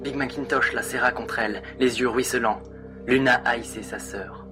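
A man narrating a dramatic fan story in an expressive, theatrical way. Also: mid-range voice, normal speed, over music.

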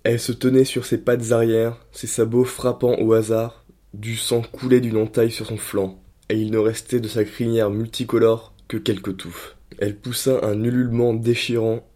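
A man narrating a dark story in a steady, dramatic reading voice. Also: on the low side, moderate pace.

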